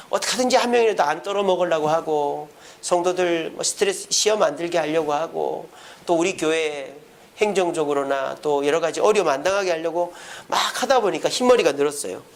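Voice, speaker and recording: A man preaching as pastor at a church prayer service speaks at normal speed in a voice on the high side, marked by vocal fry. His sermon has him asking the congregation questions he then answers, and he gives quoted speech lively, acted-out voices.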